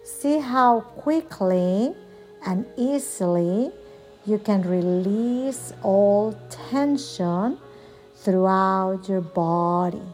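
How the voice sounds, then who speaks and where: Woman, yoga relaxation instructor, very slow pace, soft soothing delivery, long pauses, background music. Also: medium pitch. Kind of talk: guided relaxation meditation.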